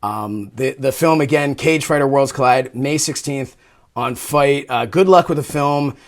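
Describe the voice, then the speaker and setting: A man with a mid-range voice hosts a show and interviews a guest. He sounds earnest and pauses with fillers when he asks his questions. He reads his show's closing lines. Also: medium pitch. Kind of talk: interview and scripted show outro.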